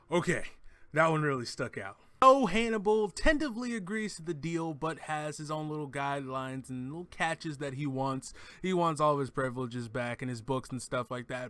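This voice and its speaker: A man's voice: medium pitch, bright, forceful tone. A man giving a casual, enthusiastic spoken review of a TV episode, rambling and often restarting his sentences. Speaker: TV show reviewer.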